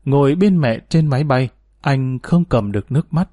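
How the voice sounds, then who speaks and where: A man reads a sorrowful story aloud in calm, measured scripted narration. His voice is mellow and dark, at a middle pitch. The recording is dry and close. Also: dry recording.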